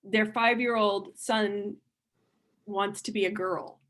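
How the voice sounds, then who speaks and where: A woman's voice: mid-range voice, fairly even intonation, slow pace, a bit bright. A woman giving a workshop presentation, earnest and thinking aloud, with frequent restarts and repeated words. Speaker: conference speaker.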